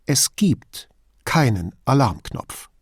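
A male reader voicing a stern female police officer who speaks firmly and deliberately. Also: mid-range voice, very animated, husky, no room sound, studio quality, heavily acted.

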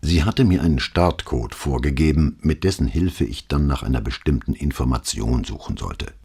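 Deep, gravelly male audiobook narrator. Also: expressive, moderate pace, a little mellow. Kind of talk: scripted novel narration.

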